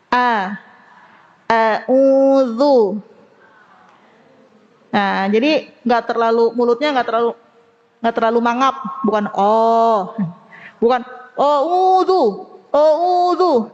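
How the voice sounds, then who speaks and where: A woman teaching Quran recitation to a study group, slowly demonstrating sounds and asking the class to repeat after her. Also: on the high side, in a large hall, muffled recording. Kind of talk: women's study group lesson.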